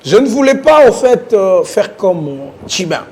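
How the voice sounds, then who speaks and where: Male panelist, sarcastic and insistent, high, animated voice. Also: measured pace. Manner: sarcastic, pointed, insists on being heard. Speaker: debate panelist. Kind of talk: heated televised political debate.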